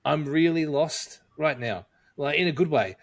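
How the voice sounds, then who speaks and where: A man's voice: fairly high pitch, lively intonation, a little slow. A man co-hosting a wrestling podcast, talking casually and joking, thinking aloud with plenty of fillers. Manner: chatty and jokey, thinking aloud with frequent fillers. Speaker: podcast co-host.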